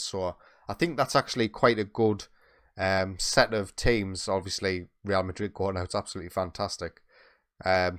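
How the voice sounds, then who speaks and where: A young man hosting a video game channel, giving excitable play-by-play chatter on a football management game. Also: lowish voice, no room sound, clean studio sound.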